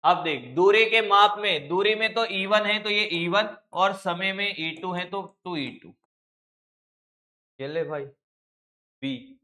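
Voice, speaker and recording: Guy teaching online class, high voice, kinda slow, scolds and coaxes the kids. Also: pushed and bright. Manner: brisk, scolding and coaxing, calls students "beta". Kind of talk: live online exam-practice class.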